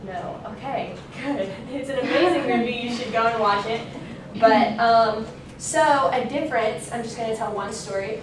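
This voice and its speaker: Speaking at a normal speed with a voice on the high side, a young adult woman gives an informal classroom speech, casual and loosely phrased, with self-corrections. A far-off camera microphone captures her in a very echoey, noisy indoor classroom.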